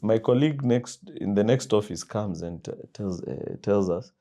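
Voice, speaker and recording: A Kenyan man with a somewhat low voice recounts his career and courtship as an interview guest. He tells it like a storyteller, acting out quoted lines and breaking into big laughs. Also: normal speed. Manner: animated storyteller who acts out quoted dialogue and laughs loudly. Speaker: guest, company founder.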